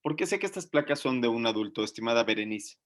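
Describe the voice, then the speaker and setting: A man teaches a medical class and keeps putting questions to his students. He talks in a lively, conversational way and leans heavily on fillers and restarts. His voice sits in an ordinary middle pitch. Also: quick pace. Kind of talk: online class discussion.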